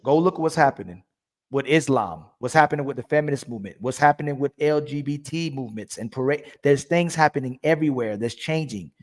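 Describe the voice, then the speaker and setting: A man's voice: mid-range voice, lively intonation, a little fast. A man hosting a livestream call-in debate, pressing his caller with repeated questions. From family from Turkey. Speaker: livestream host.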